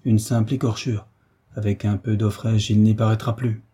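A man voicing a calm, gallant young hero who answers courteously and reassuringly, in an audiobook reading. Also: lowish voice, normal speed, husky.

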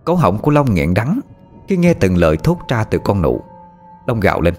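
Guy reading a spooky story, lowish voice that swings a lot, soft music under it. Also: sing-song, moderate pace. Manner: dramatic, suspenseful storytelling. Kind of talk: scripted ghost-story narration.

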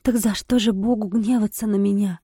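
A woman's voice: mid-range voice, steady tone, normal speed, dark tone, slightly rough, no echo, studio quality. A woman reading aloud, voicing a wild, passionate young village woman who pleads and argues. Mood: calm pleading. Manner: pleading, impassioned.

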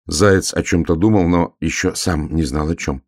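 A man narrating a children's fairy tale in an expressive, animated storytelling voice. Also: low voice, normal speed, no room sound, studio quality. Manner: animated, voices all the characters.

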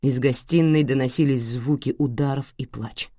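A woman narrating an audiobook in a measured, dramatic scripted reading. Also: very deep voice, fairly even intonation, mellow, dry recording, clean studio sound.

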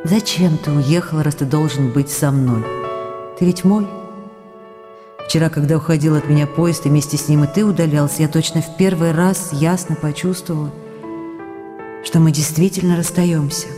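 In a reverberant studio with faint music behind her, an actress in a radio drama reads tender, longing love letters as a young woman. Her low, natural voice stays steady at normal speed, and the reading is intimate and emotional.

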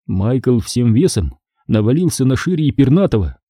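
A man's voice: medium pitch, very animated, normal speed, dark tone, dry recording, studio quality. A man narrating a horror audiobook in a suspenseful, scripted way.

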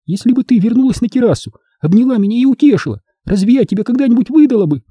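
A breaking, childish voice of a fragile young woman, lent to her by a man reading aloud. She sounds small and hurt, pleading and reproachful. Her voice sits very high and swings widely, over a dark, husky tone. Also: lively intonation, quick pace, no echo, full character voice. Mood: plaintive. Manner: plaintive, reproachful.

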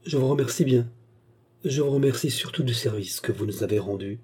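A man reading a novel aloud, voicing a gentle, sorrowful young noblewoman who sighs as she speaks, in a slightly raised voice. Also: medium pitch, a little fast, husky. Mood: sad, gentle. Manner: soft, sighing delivery.

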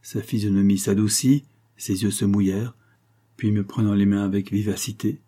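A man reading a classic French short story aloud in a measured literary style, as an audiobook narrator. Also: lowish voice, steady tone, dark tone, breathy edge. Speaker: audiobook reader. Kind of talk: scripted narration.

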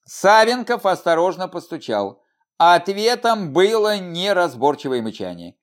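A man narrating an audiobook in an expressive, dramatic manner. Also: high-pitched, measured pace. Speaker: audiobook reader.

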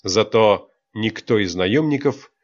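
A man reading audiobook narration in an expressive, theatrical way. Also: on the low side, takes it slowly, dull audio.

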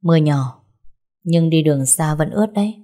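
A woman voicing a quiet young man who speaks gently and briefly in a story. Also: low-pitched, normal speed, natural voice. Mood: gentle. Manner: gentle and reserved.

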